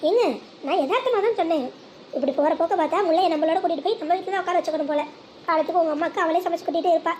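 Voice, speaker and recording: Grumbling cartoon sister-in-law, voiced by a woman; sarcastic, high, quick. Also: darkish tone, slight background noise. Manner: sarcastic, complaining.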